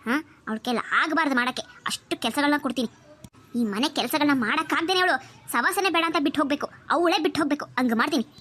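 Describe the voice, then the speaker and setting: A woman's voice: high-pitched, very fast, fairly bright tone. Scheming cartoon mother-in-law. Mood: domineering. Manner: bossy, conspiratorial, scolding. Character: scheming middle-aged aunt and mother-in-law, domineering. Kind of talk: cartoon voice acting.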